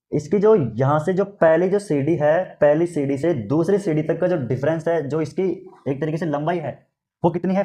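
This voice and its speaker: A male math teacher who explains things in a relaxed, conversational way. His voice sits a little above the usual male range, and he goes over each step again while checking that his students follow. He often asks questions and then answers them himself. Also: fairly high pitch. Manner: conversational, checks understanding with frequent "ठीक है?"; repeats steps and asks the listener questions. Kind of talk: classroom lesson.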